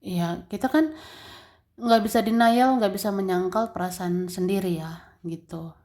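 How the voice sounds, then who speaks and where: Woman doing a tarot reading, chatty n relaxed, lots of fillers, mid pitch. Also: a little slow. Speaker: tarot reader. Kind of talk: general tarot reading to the viewer.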